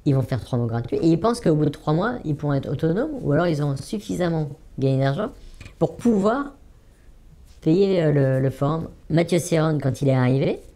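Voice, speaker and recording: Man in his 40s, anonymous witness, halting delivery, warm dark tone, repeats himself for emphasis. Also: fairly high pitch, animated. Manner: hesitant, many fillers, repeats words for emphasis. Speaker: anonymous former trading student giving testimony. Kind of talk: interview testimony.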